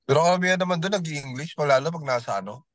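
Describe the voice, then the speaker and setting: A male student chats casually in a language class, sharing stories with small restarts along the way. His voice sits a little high and sounds dry, with no room around it. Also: fast, a bit bright, no echo. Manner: chatty, tells anecdotes with restarts.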